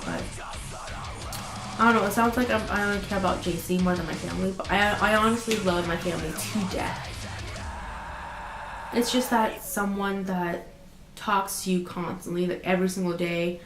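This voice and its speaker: A woman's voice: mid-range voice, fairly even intonation, moderate pace, long pauses. A woman vlogger telling a story in a casual, rambling way with many fillers. Her voice sounds sick and teary. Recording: roomy echo with music behind.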